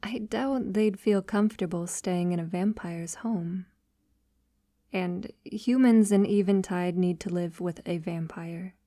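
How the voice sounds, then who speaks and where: Thoughtful and gentle, a woman voicing a refined, devoted vampire murmurs formal endearments to her lover in the manner of a romantic ASMR roleplay. Her dark, velvety voice leans low and stays close to an everyday sound, captured very near and dry with no echo. She speaks softly, slowly and breathily, frequently falling to a whisper.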